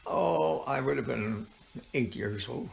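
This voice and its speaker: An elderly man tells stories in a very gravelly grandpa voice at a middling pitch. He rambles informally and pauses often as he searches for words. The recording has faint background noise. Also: expressive. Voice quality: gravelly, creaky. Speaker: grandfather telling childhood stories. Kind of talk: informal oral storytelling.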